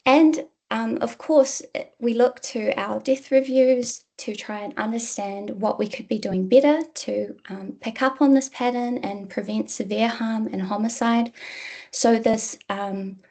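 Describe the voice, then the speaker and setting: With a fairly high pitch and a dark tone, a New Zealand woman delivers an academic presentation as a university lecturer. She is measured and uses "um" a lot.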